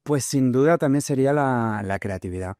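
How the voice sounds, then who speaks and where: A man's voice: medium pitch, lively intonation, moderate pace, a little mellow, clear, resonant tone, no echo, clean studio sound. A man with a Spain Spanish accent, a guest on an interview podcast, giving advice in a confident, emphatic way. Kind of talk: conversational interview.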